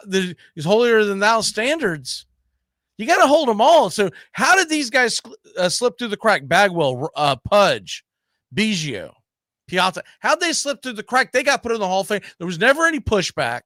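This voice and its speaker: A show host with a high, forceful voice talks sports in a casual, opinionated way, arguing emphatically and leaning on pointed rhetorical questions. His intonation is lively and his pace moderate. The recording is close and dry, with no room sound.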